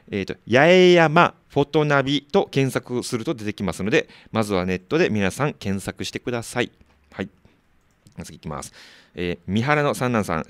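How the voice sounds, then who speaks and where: Reading out listener letters on his community radio show, a man jokes and chats, laughs frequently, and makes quick asides to his audience. His voice is medium-pitched, and the studio sound is clean with no echo.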